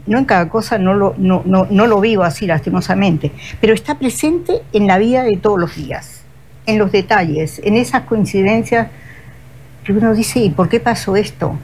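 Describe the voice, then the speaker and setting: A woman's voice: medium pitch, moderate pace, darkish tone, low-quality recording. An older woman from Uruguay gives thoughtful interview answers. She searches for her words and corrects herself as she goes, over a faint hum of room noise. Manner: searching, self-correcting phrasing. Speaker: guest.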